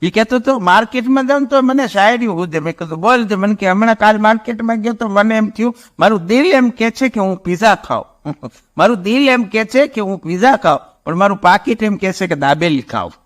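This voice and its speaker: Folksy high-voiced comedian. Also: male voice, animated. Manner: folksy joke-telling, drawn-out punchlines. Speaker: stand-up comedian. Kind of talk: Gujarati folk comedy storytelling. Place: recording studio.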